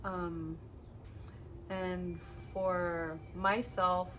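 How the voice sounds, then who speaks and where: A woman's voice: lowish voice, little pitch movement, very slow, fairly bright tone, distant mic, slight background noise. Reflective woman guest, slightly off-mic. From Korea. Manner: reflective, hesitant, many fillers. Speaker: guest, birth worker. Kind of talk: casual podcast conversation.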